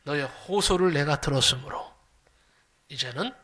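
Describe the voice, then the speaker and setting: A man voicing God as a gentle, fatherly figure speaking to his son, in a low, soft and solemn tone that sometimes sinks to a whisper. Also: measured pace. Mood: tender, solemn.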